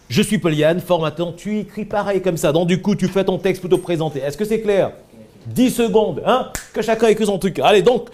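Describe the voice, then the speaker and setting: A man leading a voice training workshop, coaching students with animated corrections. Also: high-pitched.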